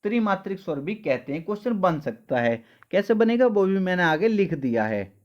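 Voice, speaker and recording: A male teacher runs an exam-prep lesson, posing questions and answering them himself while calling his students "dear children." His voice is high, with big pitch swings and a moderate pace, and the recording sounds muffled.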